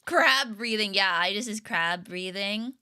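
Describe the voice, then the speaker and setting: Bright, giggly young woman streamer. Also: mid-range voice, measured pace, clean tone. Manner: rambling and giggly, with lots of fillers. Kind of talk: casual livestream chat with viewers.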